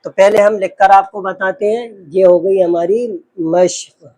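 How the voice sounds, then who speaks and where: A man's voice: sits high, fairly even intonation, unhurried, darkish tone. A man teaching a patient lesson, sounding out letters one by one and explaining with rhetorical questions. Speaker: Urdu teacher. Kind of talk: slow, patient classroom lesson.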